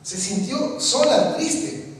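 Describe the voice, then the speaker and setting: A pastor preaches in a high, lively voice at a slow pace, shifting between hushed storytelling and emphatic declarations. Recorded from the back of an echoey church sanctuary, he sounds far off, with a long roomy echo after each phrase and a little hiss or hum.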